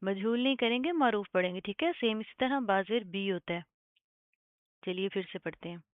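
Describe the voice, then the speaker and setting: A woman teaching Quran recitation, spelling out letters and reciting slowly and drawn out, often checking with "okay?". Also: medium pitch, expressive, no room sound. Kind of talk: tajweed lesson with spelled-out recitation. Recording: tinny phone-like, dry sound.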